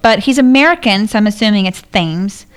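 A woman's voice: medium pitch, expressive, brisk, clear, resonant tone. A woman co-hosting a podcast, chatting casually and laughing as she reads through a film's cast. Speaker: podcast co-host. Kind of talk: casual chat.

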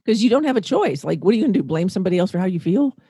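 A woman's voice: medium pitch, animated, racing, warm tone, slightly rough. A woman hosting a podcast, chatty and upbeat, recorded in a big echoey room in a house mid-remodel. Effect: big echoey room sound from a house mid-remodel. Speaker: podcast host. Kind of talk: casual podcast intro and interview chat. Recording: echoey room with long reverb.

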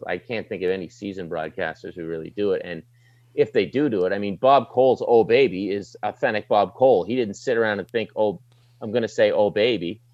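A middle-aged man with a fairly low voice and a light Maritime Canadian twang talks casually, like a broadcaster off duty. He is plain-spoken and slangy, in a dry, slightly dull recording. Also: quick pace, a little mellow, no echo. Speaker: sports broadcaster, desk anchor. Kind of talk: casual interview chat.

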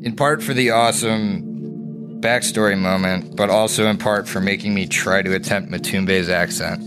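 A man narrating as game master of a tabletop game in a measured, dry way. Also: lowish voice, fairly even intonation, music in the background.

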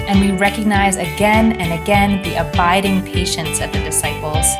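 A woman co-hosting a podcast, reading a scripted intro and then chatting playfully, quick to laugh. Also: fairly low pitch. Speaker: podcast co-host.

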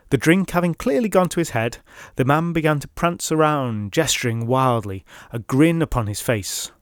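Man, folklore narrator, scripted, wry asides, middling pitch, dry close recording. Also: no echo. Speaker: storyteller.

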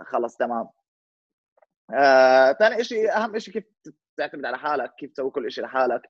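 A man in his 20s with a Levantine Arabic accent speaks quickly in a medium-pitched, sing-song voice as a guest in a casual interview, explaining things informally, mixing in English words and checking that the listener understands. The recording is lo-fi with no room sound.

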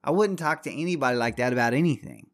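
Talking at a quick pace in an expressive, medium-pitched voice, a lone podcast host launches into a profane rant that is rambling, combative, and crude, with swearing throughout. The studio-quality audio has no room sound.

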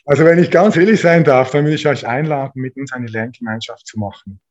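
A man's voice: mid-range voice, a little fast, dull audio. A man, a pastor talking earnestly in an interview, often restarting and repeating words. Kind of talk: interview, casual conversation.

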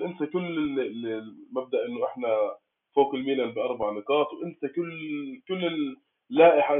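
A man with a Palestinian Arabic accent discussing football casually as a fan, restarting his phrases as he goes, on a thin call line. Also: medium pitch. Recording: tinny, phone-like call audio.

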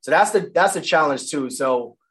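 A man's voice: on the high side, expressive, fairly bright tone. A man and new father chatting casually about family money, talking loosely and correcting himself as he goes. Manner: fast, loose, self-correcting. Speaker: guest, father.

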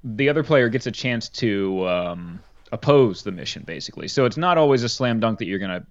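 Podcast co-host, man, low voice, relaxed explainer, dull lo-fi recording. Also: fairly quick. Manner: relaxed, explains rules with fillers. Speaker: board game podcast co-host. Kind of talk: casual chat. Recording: dull lo-fi sound.

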